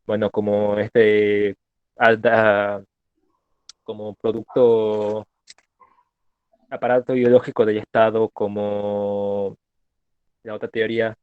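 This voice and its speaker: A male student speaking up in an online class over a choppy connection that cuts out, hesitant and halting with many fillers and restarts. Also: lowish voice, level tone, clear, resonant tone, dry recording. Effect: choppy online call connection, cutting out. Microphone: video call. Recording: tinny, dry call audio.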